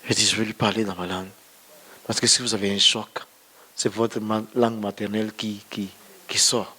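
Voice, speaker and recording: This man speaks in a fairly low, level voice at a normal speed, with a bright, forceful tone and a breathy edge. He is a pastor whose mother tongue isn't French, delivering a storytelling testimony sermon in church and talking directly to his congregation.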